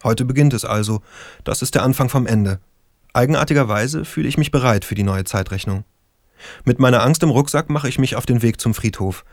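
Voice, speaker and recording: A man reading a first-person story aloud in a calm, measured and slightly wry way. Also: mid-range voice, no room sound, clean studio sound. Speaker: audiobook narrator. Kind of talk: first-person scripted narration.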